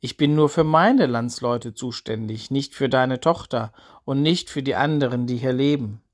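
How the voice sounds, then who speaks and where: A calm, composed teacher speaking with quiet authority, put on by a man reading a Bible story. The voice stays close to his normal narrating voice, measured and even. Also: mid-range voice, close to an everyday voice.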